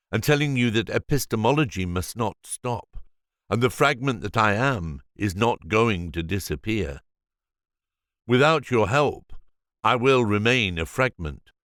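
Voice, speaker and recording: Man voicing a solemn, proud coronavirus in an audiobook, very low voice, dry close sound. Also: fairly bright tone, dry recording. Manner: measured, formal. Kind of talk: audiobook reading.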